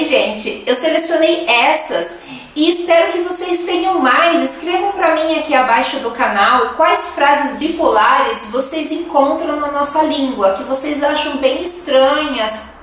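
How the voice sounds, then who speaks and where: Slow-talking Brazilian woman teaching, echoey room. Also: sits high, a bit bright. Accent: Brazilian Portuguese. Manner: chatty, laughs often, acts out example phrases. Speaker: Portuguese teacher. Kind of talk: casual language lesson. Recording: echoey room, voice from a distance, faint noise.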